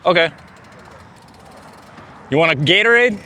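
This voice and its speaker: A man's voice: sits high, expressive, a little slow, bright, forceful tone, slight background noise. A man chatting casually to camera as he rides a bike through city streets, laid-back and talkative. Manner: laid-back, chatty, says "dude" a lot. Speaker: vlogger. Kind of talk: casual vlog chatter while riding.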